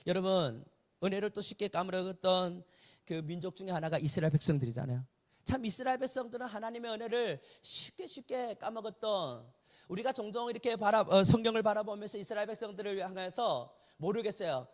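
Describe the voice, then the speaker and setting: A man's voice: high-pitched, animated, a little fast. A male pastor delivering a sermon in a conversational way, often asking the congregation rhetorical questions. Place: church sanctuary.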